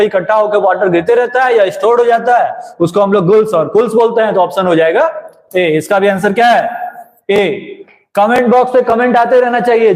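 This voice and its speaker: A man's voice: sits high, a little mellow. A male teacher going through exam questions, asking questions and answering them himself, and urging viewers to comment. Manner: asks and answers his own questions. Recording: echoey room with long reverb.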